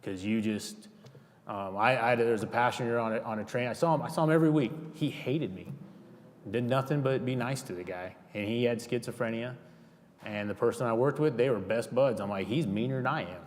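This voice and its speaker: A man's voice: mid-range voice, fairly quick. A man giving a casual, rambling safety training talk in a church, often restarting his sentences. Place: church hall. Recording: reverberant hall.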